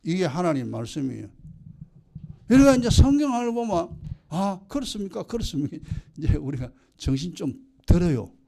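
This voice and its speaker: Emphatic high-voiced male pastor. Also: sing-song, moderate pace, gravelly, dark tone. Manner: emphatic, acts out dialogue. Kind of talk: sermon.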